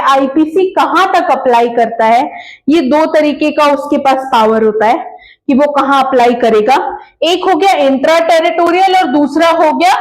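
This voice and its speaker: A woman's voice: high-pitched, echoey room, rough recording. A woman teaching a law class, mixing Hindi and English, asking questions and answering them herself, repeating key terms. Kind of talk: lecture.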